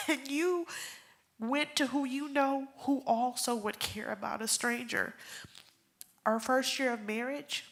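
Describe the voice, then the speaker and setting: Bright-voiced woman giving an emotional eulogy. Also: sits high, takes it slowly. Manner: emotional, swings from hushed whispers to loud bursts. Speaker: pastor's wife speaking at a memorial. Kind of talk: heartfelt eulogy.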